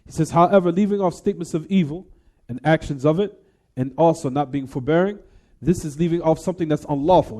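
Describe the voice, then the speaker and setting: This religious teacher is an American man whose voice is a touch high with a dark tone. In his Islamic lesson he reads a text aloud and explains it with emphasis, restating ideas in new words and talking straight to his audience before opening the floor to questions.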